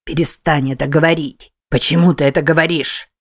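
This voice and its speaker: A woman's voice: sits low, steady tone, fairly quick. A woman reading an audiobook, voicing an agitated young man who insists on his innocence. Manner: agitated, defensive. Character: frantic young man shaking a friend.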